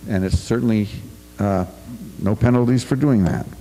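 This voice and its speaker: This older American man has a fairly low, mellow voice and reads at normal speed from a prepared talk at a farm forum in a school auditorium. He stumbles and restarts from time to time, with occasional asides. A podium microphone on a stand picks him up in a reverberant space, with a little hiss or hum.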